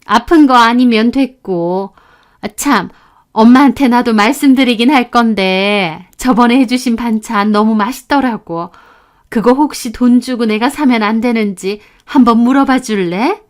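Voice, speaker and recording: A woman acts out a hypocritical woman teacher in a spoken story drama. Her voice sits high and she talks in a soft, coaxing way that hardens into scolding. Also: a little slow, close to an everyday voice. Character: hypocritical female academy teacher, sweet turning menacing. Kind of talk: acted story dialogue.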